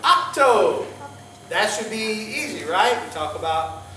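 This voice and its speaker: A man leads a relaxed church classroom lesson, stumbling through fillers and restarts and trading jokes with the students. He is picked up from across the room, and his voice rings in the big, echoey space. A faint hiss sits under the whole recording. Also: sits high, far from the mic. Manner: halting, many fillers and restarts, jokey with students. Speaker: pastor teaching a Greek class. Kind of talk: informal classroom teaching.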